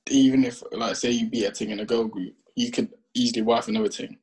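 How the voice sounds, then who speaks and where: A man's voice: medium pitch, steady tone, fast talker, a little mellow, rough recording. A young man with a London roadman accent in casual chat, slangy and repeating phrases for emphasis. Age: young adult.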